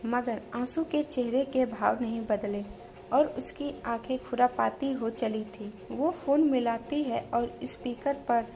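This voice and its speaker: A woman reading a romance novel aloud as a storyteller, in slow, even narration. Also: a little high, a little hiss or hum, rough recording.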